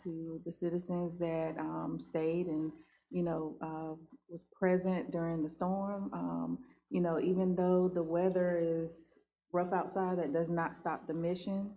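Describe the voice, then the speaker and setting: Council member remarks; grateful, conversational, filler-heavy, in a dark, lowish voice. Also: female voice, level tone, measured pace. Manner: warm, thankful, filler-heavy. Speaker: town councilwoman, mental health clinician.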